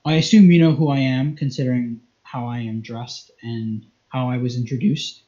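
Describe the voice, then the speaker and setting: A man's voice: medium pitch, fairly even intonation, normal speed, warm tone, natural voice. A man playing a haughty imperial chancellor. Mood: cold, formal. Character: haughty male imperial chancellor, cold and dismissive. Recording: muffled lo-fi audio.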